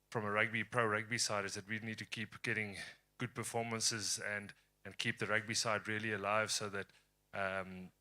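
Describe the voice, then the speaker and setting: A man answers questions in a live sports interview. His voice is fairly low and very bright, with a forceful edge. He talks in a measured, upbeat way.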